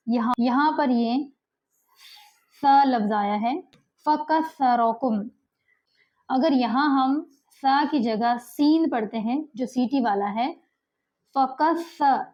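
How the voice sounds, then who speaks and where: A woman's voice: sits high, a little mellow, lo-fi sound. A woman teaching Quran pronunciation, patiently repeating and demonstrating letter sounds. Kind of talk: explanatory lesson.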